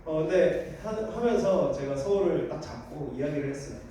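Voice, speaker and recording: A male pastor in his thirties preaches with a high but mellow voice, telling stories earnestly and turning often to address his listeners. He sounds far from the mic in a very echoey hall with a faint hiss behind him. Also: moderate pace. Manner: earnest, storytelling, addresses congregation directly. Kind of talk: sermon.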